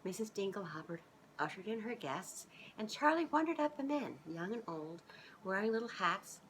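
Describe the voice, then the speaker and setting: In a low-quality recording with slight background noise, a woman in her fifties reads a children's storybook in a mid-range voice at moderate pace. She's lively and informal, often pausing to make chatty remarks to the young listeners. She sits on an indoor living room sofa, a camera a short distance away.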